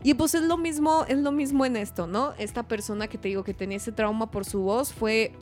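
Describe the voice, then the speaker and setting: A woman from Chihuahua, hosting a podcast in lively, slangy casual chat with faint music behind. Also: fairly high pitch, fairly quick. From Chihuahua, Mexico. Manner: chatty, animated, laughs often, slangy. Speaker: podcast host.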